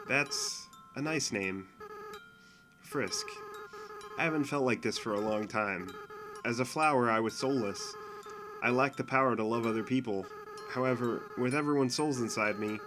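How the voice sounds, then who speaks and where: A tearful, remorseful young goat monster boy from a game, speaking softly and earnestly, as a man voices him. His voice sits in a middle register. Clear background music plays under the lines. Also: medium pitch, close to an everyday voice. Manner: soft, pleading and earnest. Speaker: fan voice actor. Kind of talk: fan dub of a game scene.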